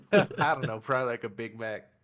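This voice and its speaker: A man's voice: medium pitch, moderate pace. A man co-hosting a casual movie review chat, swearing a lot, laughing often and acting out scenes. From Mexican-American family. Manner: profane, laughs often, animated retellings. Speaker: podcast co-host.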